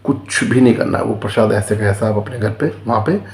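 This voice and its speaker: A man's voice: fairly low pitch, fairly quick, creaky, darkish tone. A man teaching a home ritual step by step in a patient, repetitive way, often checking in with the listener. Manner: patient, repeats steps, frequent "ठीक है" check-ins. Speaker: spiritual teacher. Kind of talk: casual spoken instruction on a ritual remedy. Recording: roomy echo.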